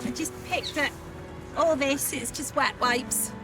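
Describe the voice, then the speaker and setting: A woman's voice: high voice, steady tone, a little slow, over music. A woman volunteer speaking with dismay outdoors by a river. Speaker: clean-up volunteer. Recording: distant from the mic.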